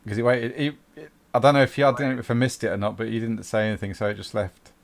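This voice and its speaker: A man's voice: medium pitch, level tone, fast talker, creaky. A man acting as game master, casually explaining rules and narrating a tabletop game.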